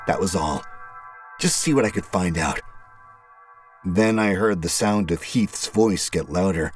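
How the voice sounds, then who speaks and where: Music accompanies a low-voiced man as he performs a scripted horror narration in the first person. He speaks with suspenseful drama and measured, deliberate phrasing.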